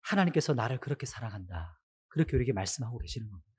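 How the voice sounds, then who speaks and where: A man's voice: medium pitch, racing, slightly rough. A man preaching a sermon to his congregation, asking them many questions. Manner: asks the congregation many questions, animated rise and fall.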